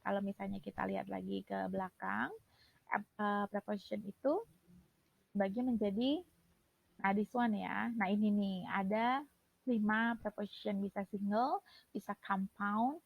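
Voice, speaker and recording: A woman's voice: mid-range voice, steady tone, a little slow, gravelly, long pauses, dry recording. A woman English teacher, giving a recorded online class lecture in a chatty way, mixing in English words. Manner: chatty, mixes English into Indonesian, laughs at own slips. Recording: dull, dry lo-fi recording.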